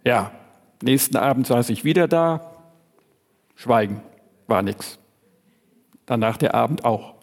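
A man's voice: mid-range voice, lively intonation, slow pace, long pauses. A man in his sixties giving a personal testimony in a sermon, telling it earnestly and acting out his talks with Jesus. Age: 60s. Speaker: preacher. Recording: long reverb of a large hall.

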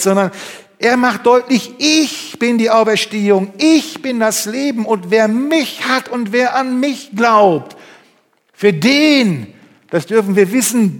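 High-voiced preacher in a reverberant hall. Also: male voice. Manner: lively, swings between loud emphasis and quiet intimacy. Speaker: pastor. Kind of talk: sermon with Bible reading.

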